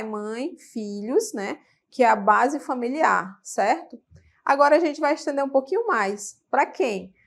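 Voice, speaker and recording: A woman with a Brazilian Portuguese accent, teaching English vocabulary in a classroom lesson, checking in with frequent tag questions and repeating words for practice. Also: on the high side.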